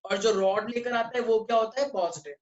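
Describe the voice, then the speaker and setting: A male physics teacher speaks high and a little fast in an online class lecture, switching between Hindi and English and quizzing his students constantly. The online class microphone gives muffled audio with faint noise.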